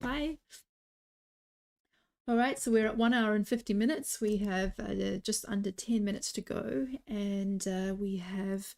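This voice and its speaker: A woman's voice: medium pitch, steady tone, moderate pace, vocal fry, hardly any pauses, a little mellow. A woman hosting a live online stream, chatty and encouraging as she cheers competitors on. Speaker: host.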